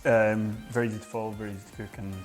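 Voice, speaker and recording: A man's voice: fairly low pitch, flat delivery, very fast, a little mellow, faint music behind. A man, a guest on a cooking show, chatting casually and joking while tasting food. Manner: joking, easygoing. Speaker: guest learning to cook. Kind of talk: casual chat.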